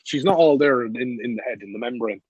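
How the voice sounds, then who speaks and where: Husky young man, blunt and profane. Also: medium pitch, brisk, no room sound. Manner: profane, blunt, laughs while telling the story. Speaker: podcast guest. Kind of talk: casual storytelling. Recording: dull lo-fi, dry recording.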